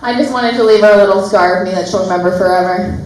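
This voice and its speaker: A woman's voice: mid-range voice, quick pace, a little mellow. A young woman, the maid of honor, giving a heartfelt, giggly wedding toast, close to tears at times. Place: wedding reception hall. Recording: echoey reception hall.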